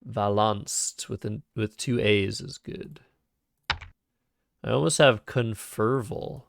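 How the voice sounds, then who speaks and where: A Scrabble streamer gives live-streamed game commentary, thinking aloud over his moves in a calm, soothing, soft-spoken manner that is unhurried and deliberate. His fairly low voice drops into gravelly vocal fry. A cheap microphone picks it up dry and close, with no room sound.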